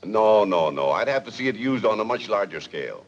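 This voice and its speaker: An actor playing a formal, brisk school board official speaking by phone in a 1940s film. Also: male voice, lowish voice, very animated. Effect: phone line. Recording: dull old film audio.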